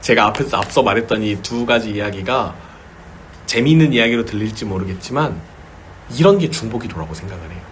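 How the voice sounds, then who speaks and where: A man's voice: fairly low pitch, animated, brisk, slight background noise. A man preaching a sermon as a pastor at a small home church, telling stories with vivid sound words and acted cries.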